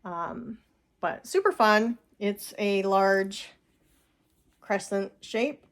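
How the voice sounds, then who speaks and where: A woman's voice: mid-range voice, extremely slow. A woman hosting a knitting vlog, chatting casually about her shawls with frequent laughs and fillers. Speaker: knitting podcast host. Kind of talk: casual chat showing knitted projects. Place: home.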